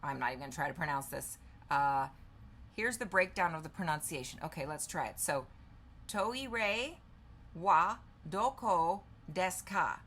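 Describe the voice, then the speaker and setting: A woman's voice: low-pitched, fairly quick, a bit bright, a little hiss or hum. A woman in her fifties talking casually to camera, thinking aloud and reading answers off her screen. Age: 50s. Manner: chatty, thinks aloud while typing, reads answers aloud. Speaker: vlogger. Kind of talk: casual chat while demonstrating.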